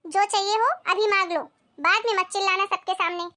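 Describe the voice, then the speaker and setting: A woman's voice: very high voice, steady tone, brisk, pushed and bright. A woman playing a short-tempered, bossy daughter-in-law in a comedy family skit, scolding sharply and sarcastically. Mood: harsh.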